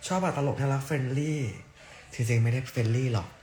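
A man's voice: mid-range voice, fairly quick, warm tone, echoey room. A young man from southern Thailand, hosting a casual live stream and answering fan questions in a playful, teasing way. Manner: playful, teasing, jokingly coarse.

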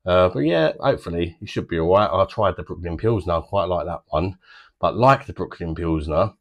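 Low-voiced British man chatting a beer review. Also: animated. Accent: British English. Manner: chatty, easygoing, fillers and drawn-out descriptions. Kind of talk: casual review to camera. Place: small home bar room indoors.

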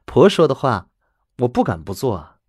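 A man voicing a timid, deferential young bride of nineteen, speaking softly and humbly. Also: medium pitch, sing-song, moderate pace, breathy edge, no room sound, studio quality. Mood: humble. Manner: soft, humble, eager to please.

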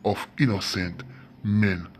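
A man's voice: lowish voice, steady tone, slow, a little hiss or hum. A Jamaican man giving emphatic, accusatory crime news commentary as a voice-over, calling out suspects directly.

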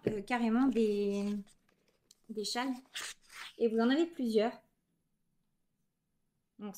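Chatty woman, slightly high voice. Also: slight background noise. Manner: chatty, enthusiastic, many fillers and restarts. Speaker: knitting podcast host. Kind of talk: casual show-and-tell chat.

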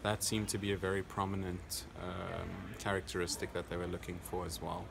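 Fresh off his performance, a young competitor with a South African accent chats casually in a deep, brisk voice with little pitch movement. Busy event noise is clearly audible around him in the indoor convention venue.

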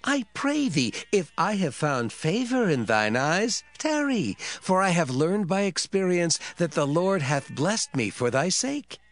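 Slow, swooping, coaxing biblical patriarch. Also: male voice, high-pitched, very animated, a bit bright, exaggerated voice. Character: Laban, entreating wealthy patriarch herd owner.

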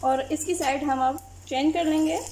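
A woman calmly explaining a recipe step by step as a cooking channel host. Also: high-pitched, normal speed, slight background noise. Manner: calm, plain, methodical. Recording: loud frying sizzle behind voice.

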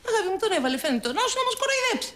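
Excitable jealous woman, sitcom, high voice, very lively pitch, emphatic. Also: a little hiss or hum, heavily acted. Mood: indignant. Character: excitable suspicious jealous woman, prone to outbursts. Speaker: sitcom character. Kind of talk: comedic TV acting.

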